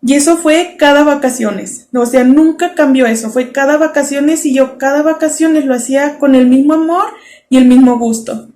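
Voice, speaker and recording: A Mexican woman in her thirties shares a faith testimony in an earnest storytelling manner, acting out her own past words. Her voice sits high. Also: moderate pace, dark tone. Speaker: speaker sharing a testimony.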